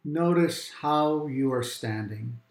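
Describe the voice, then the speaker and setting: A man guiding a calm grounding meditation exercise, giving gentle, unhurried instructions with long pauses between phrases. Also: medium pitch, reverberant. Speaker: meditation guide. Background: quiet background music.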